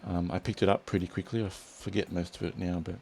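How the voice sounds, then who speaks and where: A young man hosting a casual chat, relaxed and rambling with restarts. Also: sits low, quick pace, vocal fry, a little hiss or hum. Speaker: host.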